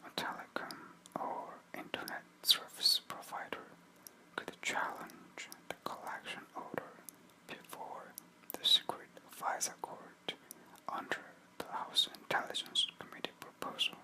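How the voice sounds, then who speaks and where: Whispered ASMR reader for news copy: breathy, fully unvoiced, unhurried delivery. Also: rough recording.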